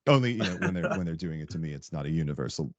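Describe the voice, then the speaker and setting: A man as a guest on a podcast, chatting casually and telling animated stories, laughing often. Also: very deep voice, very fast, no echo, dull audio. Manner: animated storyteller, laughs often, acts out coworkers' lines. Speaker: podcast guest, tech director. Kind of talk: casual interview chat.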